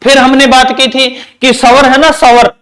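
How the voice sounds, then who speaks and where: A man's voice: very high-pitched, level tone, normal speed, fairly bright tone. A male teacher giving an exam-prep grammar lecture, repeating points and asking questions he answers himself. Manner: repetitive question-and-answer drilling.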